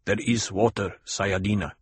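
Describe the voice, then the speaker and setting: Man voicing a grave male water-bearer, terse answers, a bit low, audiobook. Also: fairly even intonation, moderate pace, husky, dry recording.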